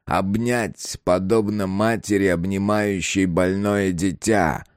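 A man reading a horror novel aloud in a slow, measured, somber way. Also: low-pitched, steady tone, clean tone, dry recording, studio quality. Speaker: narrator. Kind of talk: audiobook reading.

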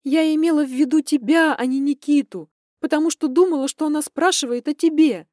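A flustered young woman, voiced by an audiobook narrator, pleads and protests in a high, strained voice. Her tone stays mellow, and the recording is dry and close. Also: expressive, moderate pace, no room sound. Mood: pleading.

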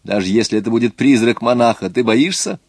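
A man's voice: medium pitch, expressive, fairly quick, darkish tone, slightly rough, no room sound, clean studio sound, pitched above the performer's own voice. A man reading the part of a proud, boastful teenage boy in an audiobook.

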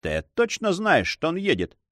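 A man's voice: a little high, huge pitch swings, moderate pace, a bit bright, no echo, studio quality, voice pushed up. Man doing Don Sancho, a teasing young nobleman. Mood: earnest. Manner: ironic, light, bantering.

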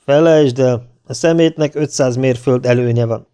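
A man voicing a blunt, scornful male police officer who shouts in fury. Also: medium pitch, clean tone, close to an everyday voice.

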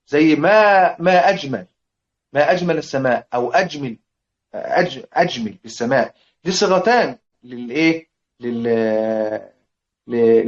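The speaker is a Quran recitation teacher with a somewhat high voice and an Egyptian Arabic accent, giving an explanatory lesson on a classical poem. He chants each verse at a slow pace, methodically enumerates points, and repeatedly asks if the class is following. The recording is lo-fi and dull.

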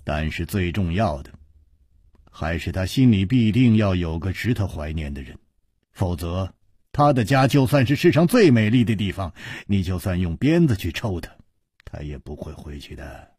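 A man voicing a calm, smiling male hero who answers softly and low, with a husky voice. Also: normal speed, dry recording, clean studio sound, heavily acted. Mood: gentle.

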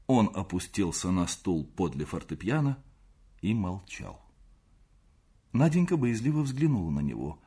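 Husky guy reading a classic novel aloud, dramatic, lots of pitch movement. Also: very animated, a little slow, dark tone. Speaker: audiobook narrator. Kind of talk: literary audiobook narration.

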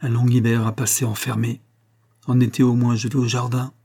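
A man voicing a gentle bedridden lady who speaks quietly and calmly in a storybook reading. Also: medium pitch, brisk, lightly acted. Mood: wistful. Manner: quiet, tranquil questioning. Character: gentle invalid lady, calm and kindly.

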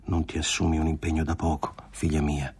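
A man voicing a calm, resigned dying mother in a literary audiobook, with a quiet, solemn delivery. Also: very deep voice, fairly quick, slightly rough, full character voice.

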